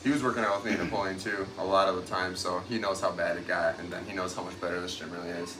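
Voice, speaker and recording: A man's voice: low-pitched, level tone, quick pace, roomy sound. A young man, a fitness vlogger, chatting casually to camera in a gym locker room in a noisy, distant recording.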